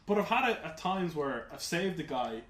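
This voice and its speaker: A man co-hosting a casual gaming podcast, telling rambling, animated stories full of "like"s. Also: on the high side, normal speed. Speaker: podcast co-host. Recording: roomy with faint hiss.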